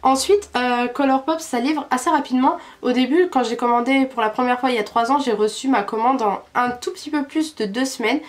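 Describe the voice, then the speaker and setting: A woman's voice: sits high, brisk, few pauses. A young woman from France, chatting casually about a makeup order she received, with frequent hesitation fillers. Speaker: beauty vlogger. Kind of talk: casual product review.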